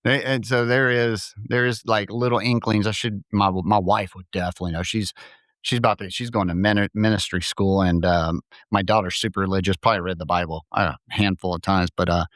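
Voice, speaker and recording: A man's voice: lowish voice, fairly even intonation, brisk, a bit bright, no echo, studio quality. A middle-aged man co-hosting a podcast, telling stories and jokes in a rambling, casual way and laughing at his own punchlines. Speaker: podcast co-host. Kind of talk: casual chat.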